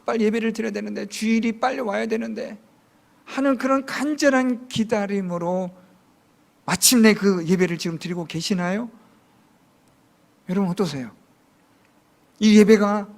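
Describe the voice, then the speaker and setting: A man from Seoul, a pastor, giving a chatty, humorous Sunday sermon full of questions to his congregation. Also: high voice.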